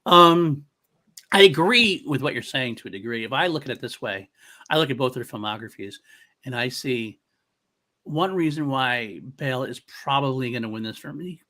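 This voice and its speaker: A man co-hosting a casual movie debate. His voice is bright and forceful, and he often circles back to repeat a phrase. He keeps restarting sentences mid-thought. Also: mid-range voice, lively intonation, normal speed. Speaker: co-host.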